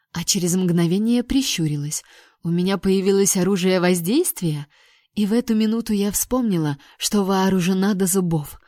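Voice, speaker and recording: A woman's voice: medium pitch, warm tone, dry recording. Woman narrating an audiobook, dry sound. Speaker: audiobook reader. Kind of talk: first-person audiobook narration.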